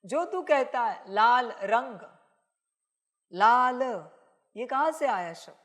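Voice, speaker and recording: A woman giving a channeled sermon, speaking as a divine father to her children, scolding them with emphatic rhetorical questions. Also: sits high. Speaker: spiritual messenger.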